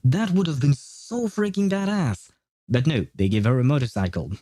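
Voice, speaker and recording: Very animated and warm, a man with a fairly high voice chats on a casual gaming livestream at a moderate pace. He rambles, shares strong opinions, and chuckles often, and the studio-quality sound has no room sound.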